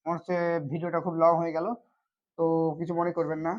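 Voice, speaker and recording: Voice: medium pitch, completely flat delivery, fast. A Quran reading teacher gives an online lesson on Arabic letters. The teacher talks patiently and repetitively, asks a question and answers it, and keeps checking that viewers are following. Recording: dull lo-fi recording.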